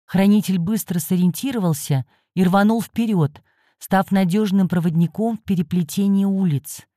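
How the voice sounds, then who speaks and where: A woman reading a first-person story as an audiobook narrator, measured and steady. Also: medium pitch, no room sound, studio quality.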